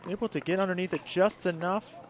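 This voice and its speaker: Male pickleball commentator, slightly high voice, live play-by-play, faint background noise. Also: fairly even intonation, a little fast.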